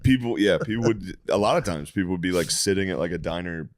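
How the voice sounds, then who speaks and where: A man's voice: low-pitched, fast, dry recording. A man, a comedian hosting a podcast, telling crude road stories in casual chat with frequent laughter.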